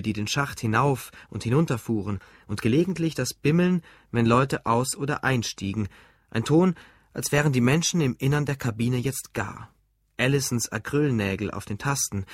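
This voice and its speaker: A man narrating an audiobook in a steady, measured storytelling manner. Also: medium pitch, no room sound. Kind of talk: scripted narration.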